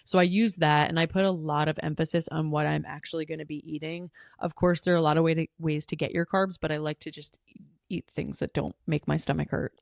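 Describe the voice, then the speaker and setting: A young woman hosts a solo podcast, answering listener questions in a chatty, rambling Q&A full of fillers and restarts. Her voice sits low and is gravelly, with a steady tone and a slightly fast pace, and there's no room sound.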